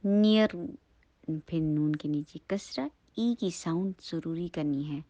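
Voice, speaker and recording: A woman teaching Quran recitation, going over each syllable slowly and patiently so students can copy her. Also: deep voice, dark tone, no echo. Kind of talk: slow tajweed lesson with modeled recitation. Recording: dry, dull lo-fi recording.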